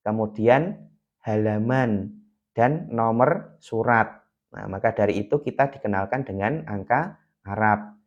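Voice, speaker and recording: A man's voice: mid-range voice, muffled recording. A man teaching beginners to read the Quran on a live stream, patient and repeating key points, at times chanting syllables in a melody.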